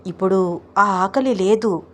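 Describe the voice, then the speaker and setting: A woman voicing an eager young husband who talks in a slow, low, coaxing and insistent way in an audio story. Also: a bit bright.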